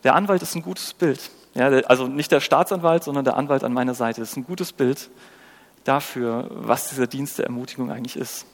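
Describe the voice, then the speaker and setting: A man's voice: medium pitch, fairly even intonation, a little fast. A man preaching a sermon, engaging and conversational, often asking the listeners questions and acting out quoted lines. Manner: engaging, asks rhetorical questions, acts out quotes. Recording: long reverb of a hall.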